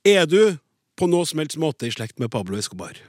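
A man's voice: fairly high pitch, very animated, dry recording, clean studio sound. A man hosting a radio language program, playful and chatty with his guests. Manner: playful, chatty, reads listener letters aloud. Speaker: radio show host. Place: radio studio.

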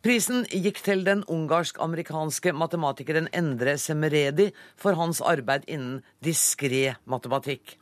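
Higher-voiced male news anchor. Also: hardly any pauses, dry recording. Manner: light, joking about not understanding. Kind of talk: studio news interview.

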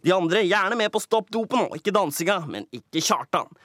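A man, a comedy show host, giving theatrical mock-dramatic documentary narration that swings between booming and hushed. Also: lively intonation, no echo, clean studio sound.

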